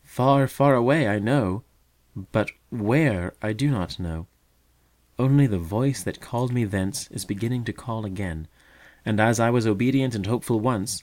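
A man voicing a gentle, hopeful mother sedge warbler who speaks softly and wistfully. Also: lowish voice, lightly acted.

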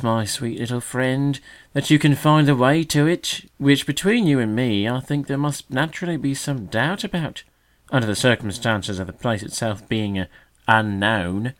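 A man's voice: medium pitch, voice pushed up, lightly acted. A man voicing a conceited older male magpie who mocks with fake solemnity, raised and pointed. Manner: sneering mock solemnity.

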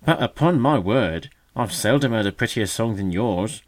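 A man's voice: on the low side, lively intonation, moderate pace, pitched above the performer's own voice, lightly acted. A man voicing a conceited older male magpie who mocks with fake solemnity, raised and pointed. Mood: mocking. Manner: sneering mock solemnity.

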